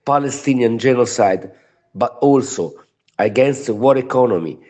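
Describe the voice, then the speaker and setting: A man's voice: mid-range voice, normal speed, darkish tone. A man from Italy with an Italian accent, a native Italian speaker, giving a prepared trade union statement in broken English. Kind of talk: prepared political solidarity statement.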